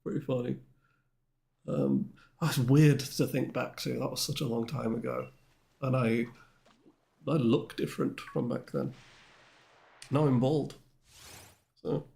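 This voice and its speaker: A man's voice: mid-range voice, steady tone, a little slow, vocal fry, long pauses, mellow. A man with a mid-range voice streams a game and chats loosely with his viewers. He rambles and makes fun of himself while answering the chat. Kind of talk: casual livestream chat with viewers.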